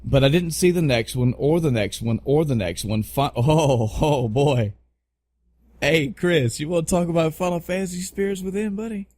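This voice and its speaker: On a casual, opinionated podcast, a male co-host in his thirties talks bluntly and jokes around, cursing freely and repeating phrases to stress them. The voice is a little high and darkish in tone at a normal speed, in a dry recording.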